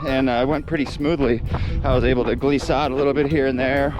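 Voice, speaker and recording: A man's voice: medium pitch, steady tone, fast, lo-fi sound, music in the background. A man talking casually to his vlog viewers while jogging outdoors on a mountain trail. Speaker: outdoor adventure vlogger.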